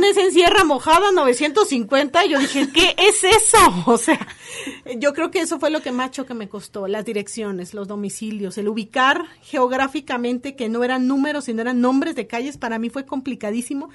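A Colombian woman in her forties, telling her story in a lively way in an interview and quoting others in their voices. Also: on the high side. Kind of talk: conversational interview.

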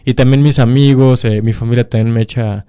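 A man's voice: medium pitch, fairly even intonation, a little fast, dark tone, clean tone. A young man from Morelia, Mexico, a university student with a Mexican Spanish accent, chatting casually and telling anecdotes. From Morelia, Michoacán, Mexico. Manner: storytelling, acts out quoted dialogue. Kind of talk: casual chat.

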